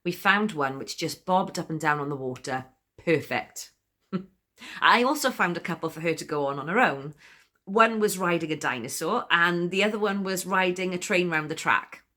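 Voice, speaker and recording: A woman's voice: fairly low pitch, expressive, normal speed, pushed and bright. A woman playing a giggly, chatty storyteller. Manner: confiding, laughs often between sentences. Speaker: monologue performer. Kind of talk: comic spoken monologue.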